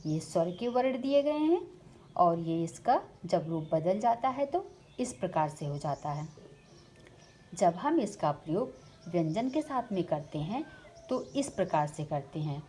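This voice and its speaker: A woman with a fairly low voice teaches a grammar lesson at a measured pace, repeating each definition. Her pitch jumps up on new headings and questions. Faint room noise sits under the recording. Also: big pitch swings, warm tone. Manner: slow, deliberate, repeats definitions. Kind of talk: slide-based grammar lesson.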